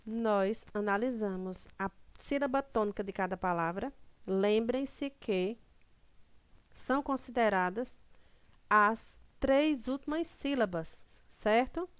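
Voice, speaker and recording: A woman teaching a Portuguese grammar lesson, speaking slowly and checking in often with her students. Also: a little high, smooth, dry recording. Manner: slow didactic, stretches example words, frequent "certo?" checks.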